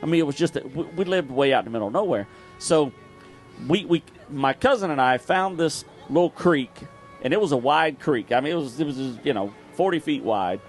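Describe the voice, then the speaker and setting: A man's voice: on the high side, lively intonation, brisk, faint music behind. A man, hosting an outdoors radio show and telling a story live, laughing often and throwing in sound effects. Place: live event at a bar.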